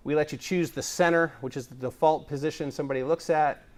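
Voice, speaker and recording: On a conference stage, a man gives a tech talk about video production, his voice fairly high and his tone steady. He speaks fast and enthusiastically, explaining things with plenty of filler words.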